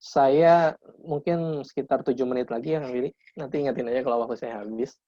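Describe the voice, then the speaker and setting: Man, 30s, guest speaker on a webinar; quick, informal lecturing full of restarts; dry, lo-fi call audio. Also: mid-range voice, steady tone, warm tone, no room sound. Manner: casual lecturing, frequent restarts. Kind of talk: webinar talk. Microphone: video call. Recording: dull lo-fi video call audio.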